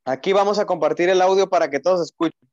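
A young man with a high, darkish voice talks fast, co-hosting a football podcast as an emotional fan who chats casually and repeats his phrases. The audio is dry and roomless, slightly dull and lo-fi.

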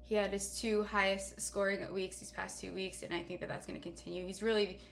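A woman's voice: mid-range voice, little pitch movement, a little fast, gravelly, fairly bright tone, a little hiss or hum. Blunt, playful woman co-host. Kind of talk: casual fantasy football chat.

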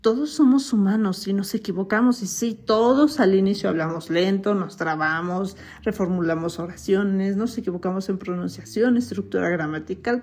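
Husky Mexican woman hosting a podcast. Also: medium pitch, a little mellow. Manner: chatty, opinionated, laughs at herself. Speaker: podcast host. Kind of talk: casual podcast commentary.

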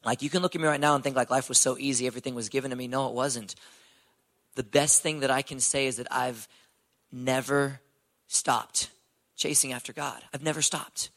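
A young man from the Houston area telling a personal faith testimony in a casual, animated storytelling way, acting out the dialogue as he goes. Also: medium pitch, fairly quick. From Houston area, United States. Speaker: ninja warrior athlete and faith speaker.

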